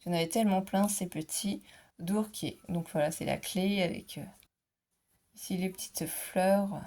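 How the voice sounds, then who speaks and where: A woman's voice: fairly low pitch, steady tone, moderate pace, warm tone. A middle-aged woman chatting casually about her craft haul, hesitant, with many fillers. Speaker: scrapbooking vlogger.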